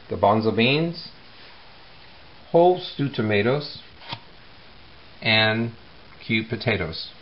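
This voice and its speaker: A man hosting a casual home cooking demonstration, talking in unhurried short phrases with pauses. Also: mid-range voice, highs cut off. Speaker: home cooking show host. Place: home kitchen. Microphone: handheld camera mic, off screen. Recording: clear background noise, sizzling pan.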